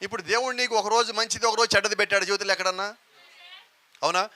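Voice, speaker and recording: A man's voice: high voice, fairly even intonation, quick pace, bright, forceful tone. A man preaching a sermon, often asking the congregation questions and calling on them to answer. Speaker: pastor.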